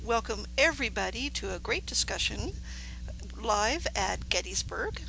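Bright, creaky-voiced woman radio host. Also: mid-range voice, expressive, measured pace, slight background noise, poor audio. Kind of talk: live radio hosting, casual chat.

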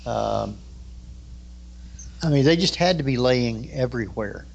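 A man co-hosting a radio show, chatting in a halting, folksy way. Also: medium pitch, animated, gravelly. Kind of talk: casual chat, reminiscing. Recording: dull audio with faint hum.

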